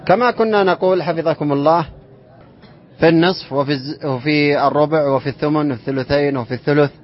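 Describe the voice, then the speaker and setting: A man teaching an Islamic inheritance lesson to students, reciting verse lines slowly and then explaining them and quizzing the class. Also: a little high. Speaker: sheikh teaching inheritance law. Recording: dull lo-fi classroom recording.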